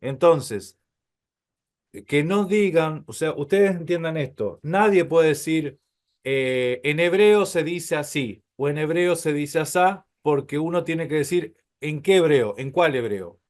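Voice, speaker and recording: A man's voice: on the high side, animated, unhurried, darkish tone. A man teaching a Hebrew class, explaining patiently, calling his listeners brothers and checking often that they follow.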